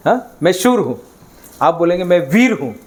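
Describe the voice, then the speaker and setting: A man's voice: sits high, big pitch swings, normal speed. A man leading a live sales training session, coaxing the audience with energy and getting them to chant lines.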